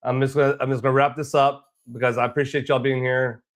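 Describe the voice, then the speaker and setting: A man's voice: medium pitch, little pitch movement, quick pace. A man from Boston recounts a bad travel experience in a loose, rambling way. He often stumbles and restarts mid-sentence. His tone stays aggrieved and frustrated. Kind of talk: casual storytelling vlog.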